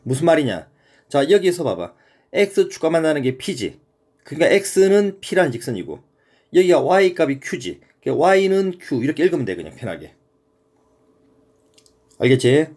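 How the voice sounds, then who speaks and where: A man's voice: on the high side, sing-song, a little slow, pauses often, darkish tone. A man teaching a middle-school math lesson in a casual, conversational way, often checking that the student follows.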